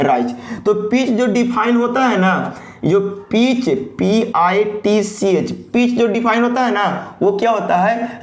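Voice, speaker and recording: High-voiced man teaching, echoey room. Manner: asks questions and answers them himself, repeats key terms; mixes English technical phrases into speech. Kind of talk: recorded technical lecture.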